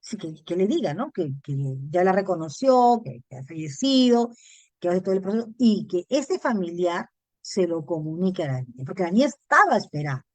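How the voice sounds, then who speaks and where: A woman's voice: fairly low pitch, sing-song, brisk, darkish tone, dry recording. A woman psychologist with a Peruvian Spanish accent gives a conference lecture in a conversational way, often adding tag questions and repeating words.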